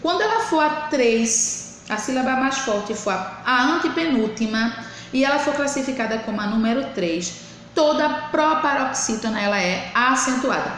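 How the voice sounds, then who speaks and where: Woman, teacher, slow and clear, slightly high voice, echoey room. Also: animated, a bit bright. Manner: slow, drawn-out syllable counting. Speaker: primary school teacher. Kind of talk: recorded remote lesson for children. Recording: echoey room with faint hiss.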